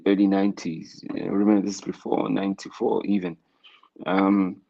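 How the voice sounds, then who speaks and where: A man's voice: deep voice, flat delivery, normal speed, gravelly, dark tone. A South African man talking in a casual conversation, reflective, with many fillers and restarts. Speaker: interview guest, rapper. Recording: dull lo-fi sound.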